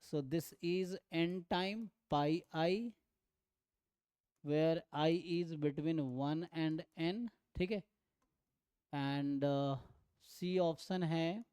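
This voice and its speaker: A man's voice: a little high, warm tone, clean tone, no echo, studio quality. A man teaching statistics in an online exam-prep lecture, mixing Hindi with Indian-accented English and often checking in with "है ना". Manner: mixes Hindi and English, reads questions out slowly, repeats phrases with "है ना".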